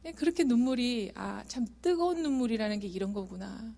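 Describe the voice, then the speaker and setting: A middle-aged woman with a slightly higher voice shares a heartfelt testimony from a church pulpit. She speaks earnestly, at times softly and at times loudly with feeling. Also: animated, fairly quick, gravelly. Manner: earnest and emotional, swings from soft to loud. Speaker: guest speaker giving testimony. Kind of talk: emotional testimony sermon. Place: church sanctuary.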